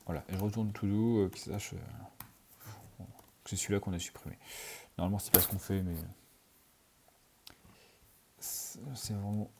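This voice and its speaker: A man's voice: lowish voice, steady tone, normal speed, pauses often, background noise. A man teaching programming in a screencast, talking through his code as he types, with many fillers. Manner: thinks aloud while typing, many fillers. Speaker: programming tutor. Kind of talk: screencast coding tutorial.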